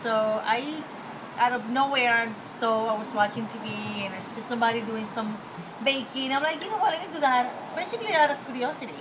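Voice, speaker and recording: A small business owner from the Dominican Republic, speaking with a Dominican Spanish accent, answers interview questions casually and candidly, correcting herself as she goes. Her voice is on the high side and a little fast, with background noise.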